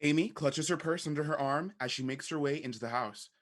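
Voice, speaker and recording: A man reading the stage directions of a play aloud in an even, descriptive way. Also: a little high, fairly quick. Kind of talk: scripted narration.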